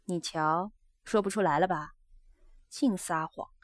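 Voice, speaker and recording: Woman doing a young geisha, pleading and pushy, voice lifted higher and louder than the narration, dry sound with no room in it. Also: expressive, normal speed, no room sound, lightly acted. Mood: earnest. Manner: earnest, coaxing and insistent.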